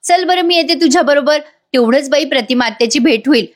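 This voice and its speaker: A woman voicing a calm, stubborn young woman in a voice-over retelling of a TV serial, speaking in a coaxing, insistent way. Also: high-pitched, a little fast, natural voice.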